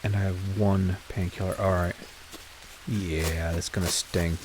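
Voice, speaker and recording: Low-voiced man narrating a survival game. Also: flat delivery, unhurried, a little mellow, slight background noise. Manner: chatty, self-correcting, talks to viewers while playing. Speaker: gaming channel host. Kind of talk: casual let's play commentary.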